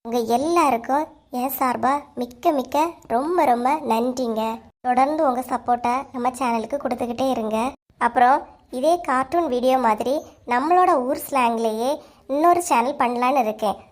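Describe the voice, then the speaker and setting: A woman's voice: high voice, moderate pace. A woman with a Kanyakumari Tamil accent who runs a cartoon channel, casually greeting and thanking her viewers. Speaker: channel owner and narrator.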